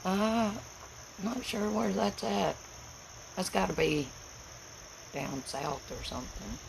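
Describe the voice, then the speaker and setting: A woman from Tennessee with a gravelly voice and an Appalachian accent, chatting casually and plainly on a livestream in a folksy, rambling way. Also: on the low side, slow pace, noisy background. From Tennessee, United States. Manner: folksy, plain-spoken, rural speech. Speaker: livestream host.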